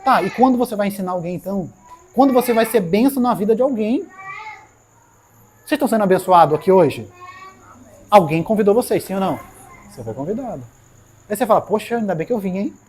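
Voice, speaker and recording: Brief: Brazilian woman preacher, animated sermon, voice leaping all over, keeps questioning the crowd. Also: mid-range voice, fast talker, pauses often. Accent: Brazilian Portuguese. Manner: animated, acts out dialogues, asks the audience questions.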